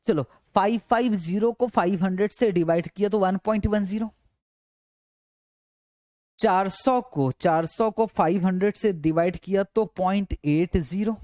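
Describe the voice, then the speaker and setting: A man's voice: sits high, a little slow, long pauses, a little mellow, no echo, studio quality. A male teacher giving a classroom lecture, explaining step by step and coaxing, often asking students' questions and answering them himself. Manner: repetitive, coaxing.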